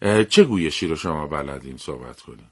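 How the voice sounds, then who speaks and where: A man's voice: extremely low pitch, animated, fairly bright tone, breathy edge, dry recording, clean studio sound. A man hosting a casual interview, asking questions in an easygoing way and laughing often. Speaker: host.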